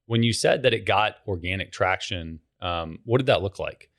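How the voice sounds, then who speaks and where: A man's voice: low voice, normal speed, a bit bright. A man hosting a business podcast, with an upbeat scripted intro and then casual, rambling questions for his guest. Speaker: podcast host. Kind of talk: interview hosting.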